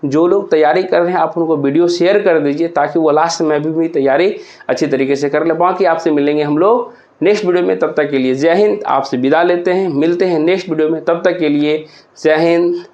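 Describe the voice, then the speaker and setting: A man runs an exam revision lesson, his voice sitting a little high. He spells each word slowly, letter by letter, and keeps asking his students questions. The recording sounds muffled and lo-fi. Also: darkish tone. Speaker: exam prep teacher. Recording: muffled lo-fi audio.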